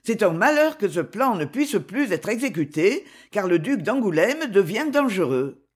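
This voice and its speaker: A reader voicing a queen in a historical novel, speaking with gravity and a sinister calm, in a lively, slightly husky voice. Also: medium pitch, moderate pace. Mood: grave, calm. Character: queen, grave, calm and coldly menacing woman. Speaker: character in a read novel. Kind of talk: audiobook reading.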